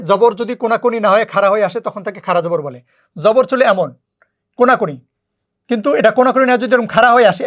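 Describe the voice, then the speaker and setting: A teacher giving a patient, step-by-step lesson on reading the Quran, repeating each rule slowly. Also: mid-range voice.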